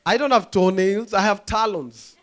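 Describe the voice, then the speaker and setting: High-voiced young Kenyan man doing stand-up. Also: normal speed. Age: young adult. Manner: animated storytelling, acts out voices, laughs at own jokes. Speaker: stand-up comedian. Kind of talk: stand-up comedy set. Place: comedy club stage.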